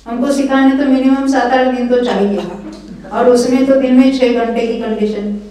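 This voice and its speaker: In an echoey hall, far from the microphone, an older woman teaching scripture lectures earnestly and encouragingly at a religious study camp. Her fairly high, mellow voice moves at normal speed with fairly even intonation, and she often checks in with her audience.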